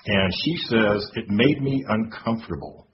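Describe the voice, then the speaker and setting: A man with a very deep voice hosts a casual podcast, reading out quotes and pausing often on fillers. The recording is dull and lo-fi, with steady noise underneath. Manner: hesitant, many fillers, reads quotes aloud. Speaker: podcast host.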